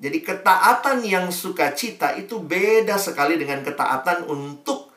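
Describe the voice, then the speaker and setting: A male youth preacher tells his sermon as a story. He acts out each person in it with lively swings. His voice rings in an echoey room. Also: high voice, moderate pace. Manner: animated storyteller, acting out parents and child.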